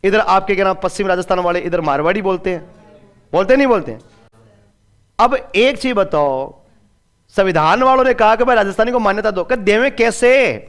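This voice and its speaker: A man's voice: high voice, normal speed, a bit bright. A man teaching an exam-prep class in a chatty way. He asks his students questions and then answers them himself, and he drops in phrases of local dialect. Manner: slips into regional dialect phrases. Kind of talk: classroom lecture.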